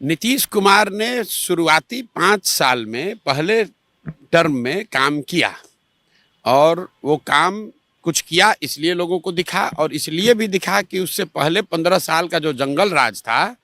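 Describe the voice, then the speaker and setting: Forceful man arguing politics. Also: a little high, animated, measured pace, dry recording, studio quality. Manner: forceful, argumentative, rhetorical questions. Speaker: interviewee, party supporter. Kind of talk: heated political interview.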